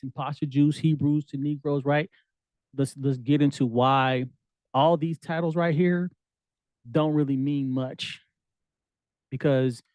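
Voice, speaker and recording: A man's voice: on the high side, a little mellow, no room sound, highs cut off. A man, teaching a Bible lesson in a casual, conversational way with slang, reading verses aloud. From United States. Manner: conversational, street slang, reads scripture aloud.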